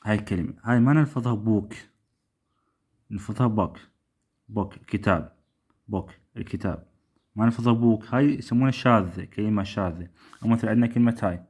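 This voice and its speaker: A man with an Iraqi Arabic accent gives a pronunciation lesson in a slightly low voice. He repeats each example word slowly and keeps stopping to check that it is clear. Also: a little mellow. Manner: repeats words slowly, asks rhetorical checks. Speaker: English teacher. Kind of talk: classroom-style lesson.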